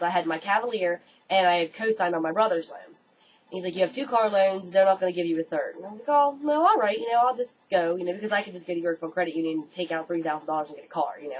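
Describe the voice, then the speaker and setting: A young American woman telling a story to her webcam in an animated, casual way, swearing freely. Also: on the low side. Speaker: vlogger. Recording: dull lo-fi webcam audio, faint room noise.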